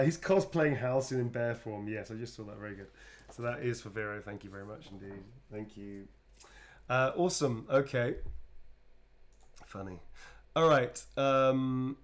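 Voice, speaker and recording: Male, casual chatty read, self-deprecating and easily amused, talking while he draws. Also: mid-range voice. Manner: chatty and self-mocking, laughs often. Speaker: voice actor signing fan requests. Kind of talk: casual stream chat while drawing.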